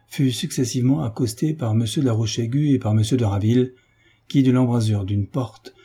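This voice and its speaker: A man reading a classic novel aloud as narrator, in an even, steady manner. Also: mid-range voice, breathy edge. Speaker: audiobook narrator. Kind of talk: scripted literary narration.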